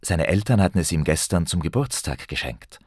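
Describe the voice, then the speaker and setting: A man narrating a children's story in an expressive storytelling manner, acting out the characters. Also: deep voice, brisk, slightly rough, dry recording, clean studio sound.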